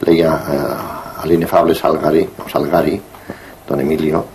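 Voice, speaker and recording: A man in his sixties from Barcelona, speaking as an interview guest in a measured, digressive way with frequent hesitations. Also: very deep voice, level tone, a little mellow, a little hiss or hum, low-quality recording. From Barcelona, Spain. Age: 60s. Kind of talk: reflective interview conversation.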